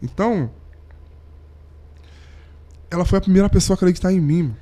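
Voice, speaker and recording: A young man with a fairly high, mellow voice, telling a personal story on a podcast. His talk is slangy and heartfelt, and it sinks almost to a whisper at the tender moments. The delivery feels like an unscripted chat among friends. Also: expressive, fairly quick. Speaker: podcast guest, saxophonist. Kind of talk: emotional storytelling in casual chat.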